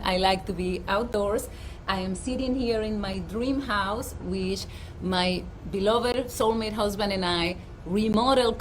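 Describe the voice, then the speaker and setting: A middle-aged woman from the Dominican Republic, speaking with a Dominican accent in a medium-pitched voice, gives a livestream talk as a life coach outdoors at her home. She presents warmly, earnestly and emphatically. The recording is rough, with slight background noise.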